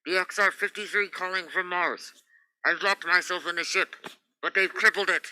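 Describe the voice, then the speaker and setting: A man's voice: high voice, sharp tone, dry recording, heavily acted, rough recording. A man playing a desperate, pleading space captain stranded alone on Mars, in old radio drama style. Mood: desperate, urgent. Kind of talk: 1940s-50s radio drama acting.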